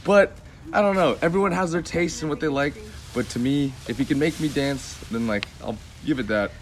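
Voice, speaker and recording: A man's voice: on the high side, fairly quick, a little hiss or hum. A young man chatting as a guest on a casual podcast, loose and laid-back, filling his talk with "like". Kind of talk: casual chat.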